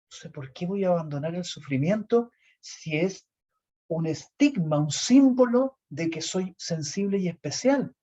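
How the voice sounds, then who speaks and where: A man's voice: high-pitched, lively intonation, unhurried, warm tone. A man with a Chilean accent giving a lecture, explaining in a rambling way that repeats and restarts phrases. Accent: Chilean Spanish. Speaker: teacher. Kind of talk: lecture on personality types. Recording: dull lo-fi recording.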